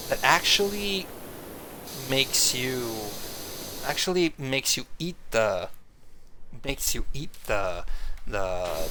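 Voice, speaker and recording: A man from Italy chatting casually on a live stream, rambling with frequent restarts as he talks with viewers. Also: mid-range voice. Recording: steady hiss on the line.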